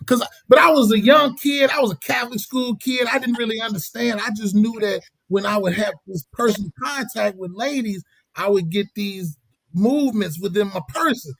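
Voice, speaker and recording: A middle-aged man telling a casual, animated story on a podcast, laughing as he goes. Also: high voice, moderate pace, creaky. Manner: animated, laughing, slips into quoted voices. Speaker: podcast host.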